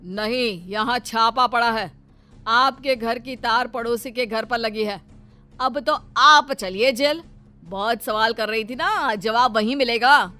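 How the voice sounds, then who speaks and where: A woman's voice: a little high, takes it slowly, pushed and bright, soft background music. A woman voicing a smug, threatening male official in a cartoon, speaking mockingly.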